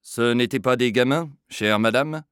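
A man's voice: mid-range voice, normal speed, clean tone, no echo, studio quality, pitched above the performer's own voice, lightly acted. A man doing a sonorous, unflappable clerk. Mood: unruffled. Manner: sonorous, calm and firm. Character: unflappable male receptionist, brisk and dryly ironic.

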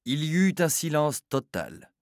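A man narrating a story in a scripted, expressive and theatrical reading. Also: a little high, unhurried, dry recording, clean studio sound.

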